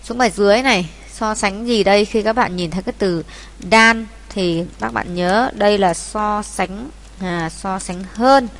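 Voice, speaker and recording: A woman's voice: medium pitch, normal speed. A woman from Vietnam teaches a class of students through an exam paper, step by step. She speaks in a mid-range voice and patiently goes back over the key points for them. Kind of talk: exam walkthrough lesson.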